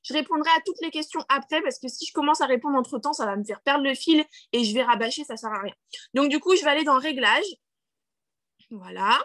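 On a video call, a woman who leads a network marketing team walks listeners through a screen share. Her voice is high-pitched and a bit bright, her pace fairly quick, with no echo. She chats freely with lots of fillers and restarts, keeps asking "d'accord?", and laughs at her own English.

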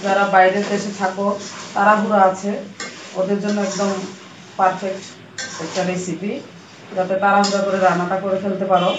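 A woman from Bangladesh with a hoarse voice from a cold, chatting casually as she explains her cooking steps in a home kitchen. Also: medium pitch. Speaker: cooking vlogger. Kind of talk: casual cooking vlog narration. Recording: echoey kitchen with frying and rain noise.

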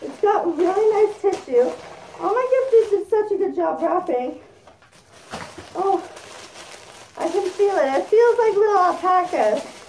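A woman's voice: very high voice, a little mellow, roomy sound, far from the mic, a little hiss or hum, rough recording. A woman chatting casually as she unboxes gifts while speaking through a costume head. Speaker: vlogger.

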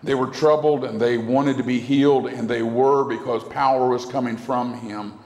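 In an echoey church sanctuary recorded from a far-off camera, a middle-aged man delivers a sermon at the pulpit mic. His mid-range voice is steady, slightly mellow and normally paced, and he repeats himself earnestly while making sweeping gestures.

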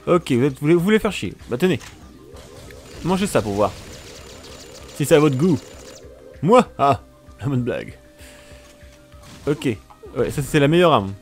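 Playful male let's-player, talks to viewers, swings up and down in pitch, soft music under him. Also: sing-song, measured pace, pauses often. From France. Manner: joking, exclaims at the action, talks to viewers. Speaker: let's play commentator. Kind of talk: casual gameplay commentary.

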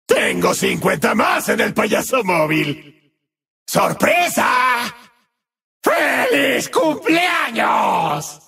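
An actor voicing a gleefully murderous demonic party clown for a video game, with a gravelly, raspy, cackling voice and a Latin American Spanish accent. He taunts in a singsong, breaks into manic shouts, and drops into sudden low growls. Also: very animated, extremely slow, faint music behind, exaggerated voice. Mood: gleeful menace.

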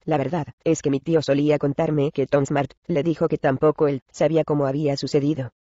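A man narrating a classic story in Spanish, in measured storytelling style, addressing the listeners as gentlemen. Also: fairly high pitch, flat delivery, dry recording, highs cut off. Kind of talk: scripted narration.

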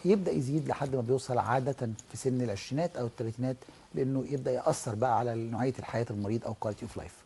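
A middle-aged Egyptian man explains things at a rapid clip, like a doctor on a television health show. His voice is dark and a little husky. He walks through cases one by one and acts out small examples. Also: medium pitch. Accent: Egyptian Arabic. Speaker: ENT professor and guest doctor.

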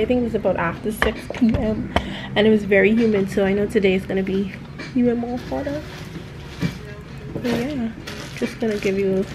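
A woman travel vlogger chatting casually to the camera. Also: fairly high pitch. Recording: noisy on-the-go travel audio.

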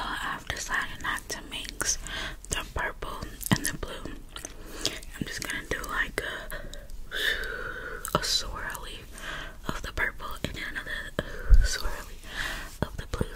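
Woman in slow, whispered role-play, tingly mouth sounds. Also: low-quality recording. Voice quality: breathy unvoiced whisper. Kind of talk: whispered role-play, ASMR face painting. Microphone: close-up microphone.

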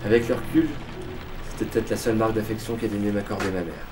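A man's voice: lowish voice, fast, natural voice. A young man playing a cruel, theatrical male torturer in a student short film, mocking in a sing-song way and then turning cold. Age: young adult. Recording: distant camera mic, music behind.

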